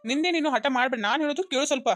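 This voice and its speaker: A woman's voice: mid-range voice, rapid-fire, no echo, clean studio sound, lightly acted. A woman voicing a young husband caught between his wife and his mother, insistent and coaxing, repeating himself.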